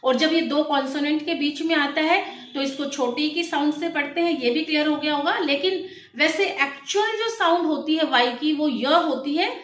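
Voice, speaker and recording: A woman from India gives an English phonics lesson to children. She explains patiently and switches between Hindi and English. Her voice sits high, and the room around her echoes. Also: normal speed, a bit bright. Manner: mixes Hindi with English, addresses viewers as children. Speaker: English teacher.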